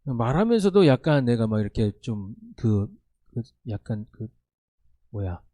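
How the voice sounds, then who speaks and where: A man preaching a sermon to a youth group, animated and conversational, often asking his listeners questions. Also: medium pitch, unhurried, no echo. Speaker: youth pastor.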